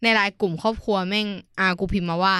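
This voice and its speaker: Young female podcast co-host, bright, lively storyteller, casual and crude. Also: medium pitch, quick pace, smooth, no room sound, studio quality. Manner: lively storyteller, acts out quoted voices, crude slang. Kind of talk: casual chat among friends.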